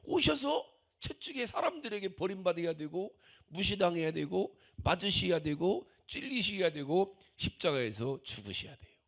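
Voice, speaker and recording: A man's voice: high voice, big pitch swings, normal speed, vocal fry, fairly bright tone. An older man preaching a sermon as pastor, emphatic, with many repeated rhetorical questions.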